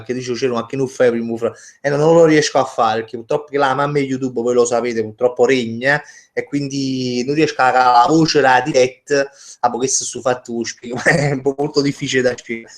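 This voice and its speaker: Man, Neapolitan accent, casual live-stream host, rambling, jokey, mid pitch. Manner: chatty, rambling, joking, reads out viewer names.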